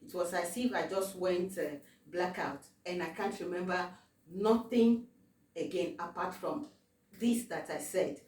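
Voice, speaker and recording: A woman from Africa telling a personal testimony, halting, with many fillers and repeated words. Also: on the low side, a little mellow. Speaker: testimony vlogger. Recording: roomy, distant from the mic.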